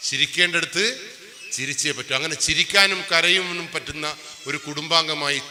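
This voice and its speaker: Bright-voiced man lecturing in a reverberant hall. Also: fairly high pitch, steady tone, moderate pace. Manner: questions the audience often, rising and dropping his voice for emphasis. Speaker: speaker giving a family class. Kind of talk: lively motivational class talk. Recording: reverberant hall with faint ambient noise.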